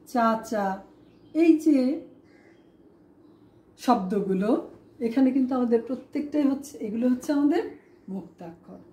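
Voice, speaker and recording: A woman's voice: sits high, dark tone. A woman teacher giving a classroom lesson, asking her students rhetorical questions and spelling words out syllable by syllable. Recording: echoey room.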